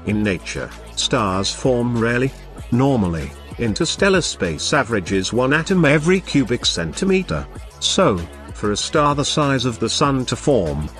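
A man's voice: medium pitch, fairly bright tone. A man reading a prepared science explainer in a plain, informal way, as the narrator of his video channel.

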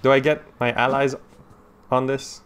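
A man's voice: mid-range voice, flat delivery, moderate pace, a bit bright, clear, resonant tone. A man with a Malaysian accent giving let's play commentary, chatty, laughing often and reading game text aloud. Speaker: gaming channel host.

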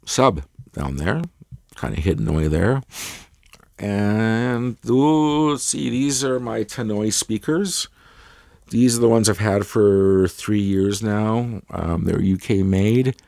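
A man's voice: extremely low pitch, a little mellow, dry recording, studio quality. A man with a congested, head-cold voice chatting casually to camera as he hosts a hi-fi gear tour, rambling and enthusiastic. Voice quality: stuffed-up, congested. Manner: rambling, enthusiastic, self-deprecating. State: has a cold. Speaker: host of a hi-fi audio gear tour video.

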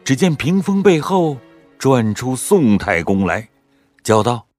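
A man narrating a classic story in a measured, expressive way. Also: mid-range voice, dry recording, soft background music.

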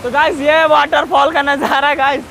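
A man's voice: extremely high pitch, little pitch movement, sharp tone, a little hiss or hum, low-quality recording. A man vlogging casually outdoors by a waterfall, chatting to his viewers as he walks and repeating safety warnings. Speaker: travel vlogger. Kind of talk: casual walking vlog. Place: outdoors on rocky hillside by a waterfall. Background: faint rushing waterfall.

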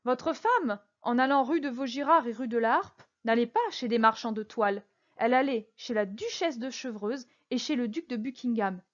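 A woman voicing a cunning, commanding old male cardinal who speaks in a measured, quietly menacing way in a storybook reading. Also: fairly high pitch, highs cut off, close to an everyday voice. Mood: scheming.

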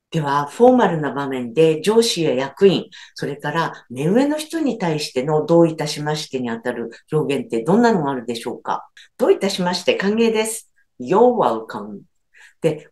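A woman's voice: sits low, a little mellow. A woman teaching English phrases in a lesson video, switching between her explanations and example phrases in English.

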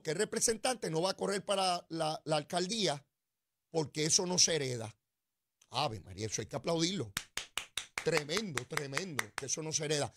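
A man's voice: high-pitched, a bit bright. A man with a Puerto Rican accent hosting a political commentary show, delivering a sarcastic, mocking monologue. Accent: Puerto Rican Spanish. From Puerto Rico. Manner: sarcastic, mocking, mimics crying whiny voices.

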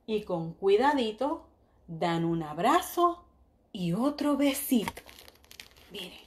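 A woman teacher reading a storybook aloud to young children, full of exclamations and questions to them, softening at bedtime. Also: medium pitch, very animated, a little hiss or hum. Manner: slow and soft at bedtime.

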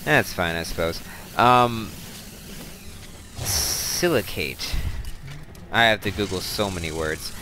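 A man's voice: low-pitched, slow, pauses often, background noise. A man hosting a let's play, chatting casually and thinking aloud as he plays, drifting into side stories. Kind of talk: casual gameplay commentary.

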